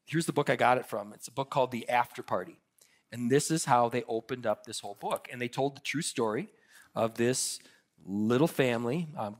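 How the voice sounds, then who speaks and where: A man preaching a sermon as pastor, leading the church in a playful audience exercise. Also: mid-range voice. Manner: upbeat, leads audience participation with laughs.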